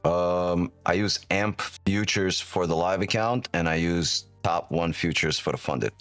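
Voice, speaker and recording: A man with a deep whiskey voice giving casual live-stream commentary, thinking aloud and often checking in with "right?", on a close microphone. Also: unhurried, a bit bright, dry recording, faint music behind. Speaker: live trading streamer, host.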